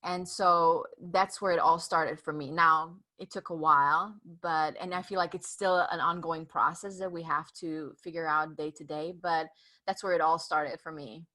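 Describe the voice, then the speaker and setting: A woman's voice: deep voice, fairly even intonation, moderate pace, sharp tone. A woman from Romania, a native Hungarian speaker, talking as a guest in a casual interview and telling her story earnestly with many fillers. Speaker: podcast guest, author.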